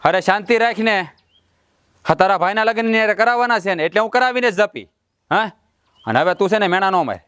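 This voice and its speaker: A man's voice: sits high, lively intonation, a little fast, fairly bright tone, clear, resonant tone, no echo. A man playing a boastful village husband who swears to fix things in a family drama. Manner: boastful, swaggering, blustering. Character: proud blustering village husband, middle-aged.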